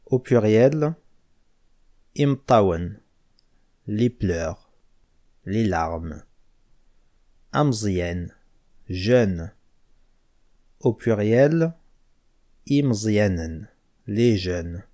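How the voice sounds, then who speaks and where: Slow, deliberate male language teacher. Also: fairly low pitch, animated, dark tone. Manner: slow and deliberate, spells out words and gives word pairs one by one. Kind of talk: slow spelled-out language lesson.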